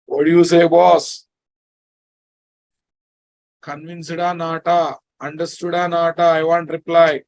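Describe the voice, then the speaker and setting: In a classroom lecture on programming, a man with a Telugu Indian English accent speaks in a slightly high, mellow voice with a flat delivery. He talks slowly with long pauses, often repeating points and asking if students follow, and the recording is rough.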